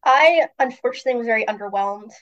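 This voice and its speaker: A woman's voice: a little high, quick pace, a bit bright, dull audio. A woman co-hosting a movie podcast, a little congested from a cold, chatting frankly with fillers. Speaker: podcast co-host. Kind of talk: casual podcast chat.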